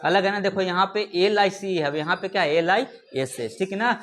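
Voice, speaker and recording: A man's voice: sits high, brisk, fairly bright tone. A man teaching an English vocabulary lesson, who keeps asking his learners questions and checking that they follow. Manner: repeats "ठीक है ना" and asks rhetorical questions; addresses learners familiarly. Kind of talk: classroom lesson explaining vocabulary.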